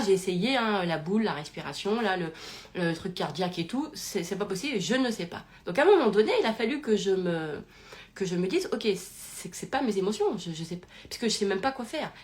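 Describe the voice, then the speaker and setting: Woman host, casual phone live talk; animated, swooping intonation, lots of restarts. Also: mid-range voice. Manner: animated, laughing, many restarts. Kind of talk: casual spoken monologue. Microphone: phone, live stream.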